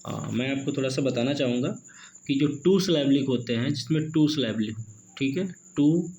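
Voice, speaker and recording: A man teaching an exam-prep literature lesson, mixing Hindi and English, reading questions out slowly and adding "okay" and "friends" often. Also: mid-range voice, a little mellow, a little hiss or hum. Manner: reads questions slowly, peppers with "ठीक है" and "दोस्तों".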